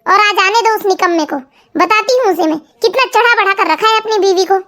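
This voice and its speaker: A woman's voice: extremely high pitch, a little fast, pushed and bright. A woman voicing an old scolding mother-in-law in a cartoon family drama, lamenting and chiding.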